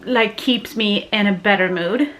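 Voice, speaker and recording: The recording is rough, with a little hiss or hum, as a woman of medium pitch speaks a little slowly in a fairly bright tone. She is a Swedish family vlogger in her thirties, a native Swedish speaker, laughing often during casual chat to a handheld camera held at arm's length at home indoors.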